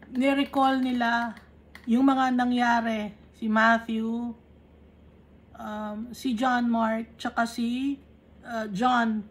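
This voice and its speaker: A Bible teacher from the Philippines reads English verses and explains them in casual Tagalog, often tossing in little tag questions. Her voice is a little high, and a faint hiss or hum is audible.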